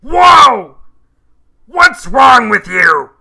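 A man voicing a brash, bossy crocodile detective boss from a cartoon game, with a gruff, gravelly, forceful delivery. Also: very high-pitched, sing-song, drawn-out words, heavily acted. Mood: loud outrage. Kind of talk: cartoon video game character voice reel.

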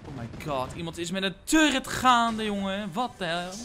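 A young man, live-streaming a game, excitable and slangy, shouting when hyped. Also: high-pitched, moderate pace. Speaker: gaming streamer.

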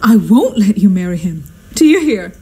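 In a radio drama, a woman plays a histrionic society hostess and mother, sounding flustered, theatrical and exclamatory as well as exasperated and indignant. Her mid-range voice is mellow and slightly rough, swinging widely in pitch at a normal speed, in a stagey acting style.

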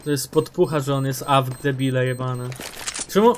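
A man giving excitable live commentary on his own shooter match, shouting callouts, swearing and mocking his teammates. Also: medium pitch, normal speed, slight background noise.

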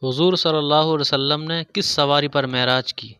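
A man reading religious quiz questions, pausing over each option before he gives the answer. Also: on the high side, fairly even intonation, sharp tone, clear, resonant tone, no echo, studio quality. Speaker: quiz host. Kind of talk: scripted quiz narration.

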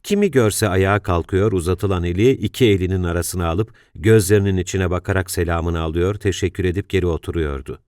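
Deep-voiced male audiobook narrator. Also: clean tone, no room sound, studio quality. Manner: calm, measured storytelling.

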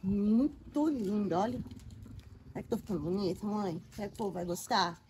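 A woman's voice: mid-range voice, moderate pace, background noise, close to an everyday voice. A young woman with a Brazilian accent playing a spoiled, scornful girl in an amateur comedy skit. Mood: vain. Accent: Brazilian Portuguese. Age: young adult. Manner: haughty, scornful, whiny. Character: spoiled, snobbish young woman chasing wealth.

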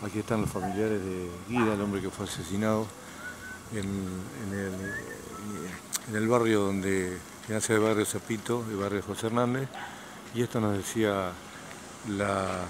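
A man's voice: fairly low pitch, steady tone, unhurried. A man reporting from the field and prompting an interviewee with short questions that echo her answers. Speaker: TV news reporter. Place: outdoors. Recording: distant voice in noisy outdoor footage.

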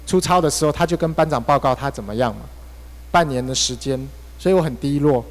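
In a church hall with long reverb, a male pastor speaking with a Taiwanese Mandarin accent preaches a sermon built on a personal story with emotional swings. His voice is fairly high and his pace quick.

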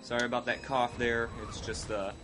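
Over loud game music that adds background noise, a young man with a Midwestern American accent hosts a let's play while sick and coughing. His medium-pitched voice is flat in delivery and moderate in pace as he rambles through casual commentary with self-mocking asides.

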